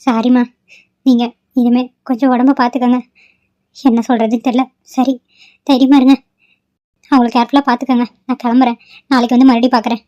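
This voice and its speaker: Calm female doctor voiced by a woman in a cartoon, reassuring and matter-of-fact in a high, mellow voice. The recording is dry and lo-fi. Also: fairly quick, pauses often, natural voice. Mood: grave.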